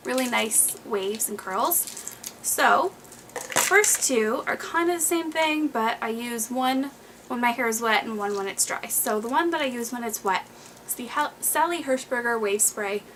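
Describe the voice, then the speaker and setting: A young woman with a somewhat high voice talks casually to camera in a home beauty vlog. She rambles, restarts and drops plenty of fillers, sounding a little out of breath. A faint hiss sits under the recording. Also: unhurried, fairly bright tone, rough recording. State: slightly out of breath. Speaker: beauty vlogger. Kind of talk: casual monthly favorites vlog.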